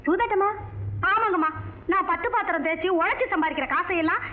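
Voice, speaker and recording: A woman's voice: very high voice, fairly quick. An actress playing a fed-up working-class wife in a film comedy, scolding her husband in exasperation. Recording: tinny lo-fi film audio with faint hiss.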